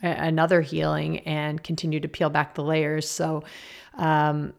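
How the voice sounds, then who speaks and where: Low-voiced woman chatting casually from a basement office. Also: completely flat delivery, unhurried, vocal fry. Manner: chatty, informal, laughs easily. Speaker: podcast host and energy healer. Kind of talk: casual podcast chat. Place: small basement office indoors, slightly echoey. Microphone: podcast microphone at a desk.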